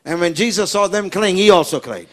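Slow, high-voiced man preaching in short phrases. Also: animated. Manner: preaches in short phrases, pausing for the interpreter, rising to emphatic exhortation. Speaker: pastor. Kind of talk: sermon with live interpretation. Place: church service.

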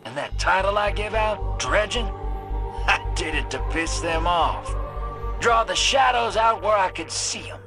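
A man's voice: sits high, expressive, a little slow, music in the background. An actor playing a shady, cynical male drifter and old survivor in a video game, with a sly, folksy drawl. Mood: sly, goading. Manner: sly, folksy drawl, addressing the listener as kid and partner. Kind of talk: video game character monologue.

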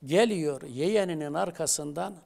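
A middle-aged man, a theology professor, telling religious stories on a studio talk show and reciting Arabic verses with animated emphasis. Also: on the high side, normal speed, gravelly.

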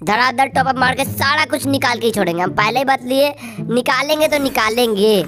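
With crowd noise and background music behind her, a woman hosts gameplay commentary at a brisk pace, her voice raised in pitch by a voice changer. She's casual and chatty, repeating phrases as she goes.

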